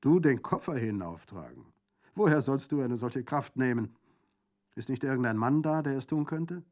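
A man reading the part of a stern young gentleman who lectures and reproaches his sister. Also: mid-range voice, lively intonation, moderate pace, pitched above the performer's own voice, natural voice. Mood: incredulous. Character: stern disapproving young gentleman, her brother.

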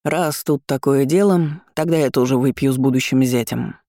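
Woman doing stern dad, slow and measured, dry mellow voice. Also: mid-range voice, no room sound, natural voice. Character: stern middle-aged father.

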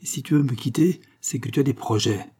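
A man's voice: mid-range voice, brisk, warm tone, slightly rough. A man voicing a menacing brutish bully. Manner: menacing, harsh. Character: brutal threatening man, cowardly bully.

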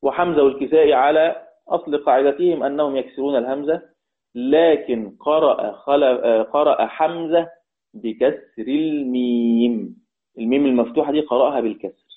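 A man with an Egyptian accent teaching Quran recitation rules, repeating key words slowly and quizzing his students. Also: on the high side. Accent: Egyptian Arabic. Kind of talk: explaining recitation rules in a lesson. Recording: tinny phone-like sound.

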